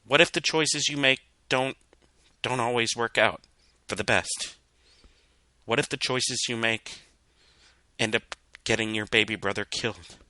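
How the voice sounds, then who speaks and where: A man acts out a melancholy male pony, a kindly doughnut seller from a storybook. He talks plainly and with feeling. The voice is pushed up in pitch, tense and bright, and dryly recorded. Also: a little slow, pauses often, no echo. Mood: anguished, grieving.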